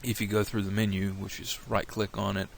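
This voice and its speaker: A tutorial creator with a cold talks through each step of a software tutorial in a very low, gravelly voice that's slightly nasal. He speaks briskly in a level tone, rambling and restarting as he thinks aloud, with a faint hiss under the desktop mic.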